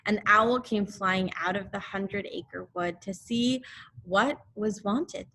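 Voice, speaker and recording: A woman teacher reads a children's story aloud, narrating expressively. She speaks slowly in a mid-range voice.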